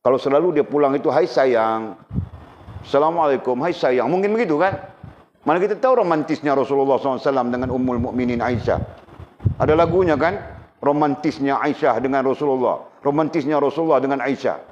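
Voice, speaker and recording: A middle-aged man giving a lively religious lesson and often asking his listeners questions. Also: mid-range voice, fast. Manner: lively, asks the audience questions. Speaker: religious teacher. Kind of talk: sermon. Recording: dull lo-fi recording with faint noise.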